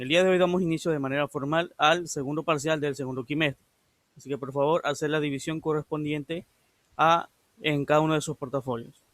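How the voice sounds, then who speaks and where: A man's voice: a little high, no room sound. A male English teacher giving a recorded lesson, patiently explaining and repeating grammar rules step by step. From Ecuador.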